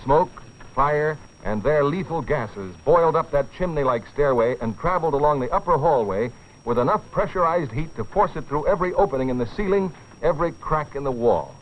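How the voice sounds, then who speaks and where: The narration for this educational film is scripted, solemn and dramatic, carrying rhetorical weight, and is spoken by a man with a fairly high pitch, lively intonation and a fairly quick pace. Music plays on the dull, dated soundtrack, and there is slight background noise.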